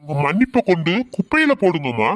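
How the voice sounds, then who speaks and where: A man's voice: on the high side, wildly swooping pitch, quick pace. A man playing an angry accusing son. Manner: accusing, indignant. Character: angry young adult son confronting his mother. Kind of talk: family drama skit.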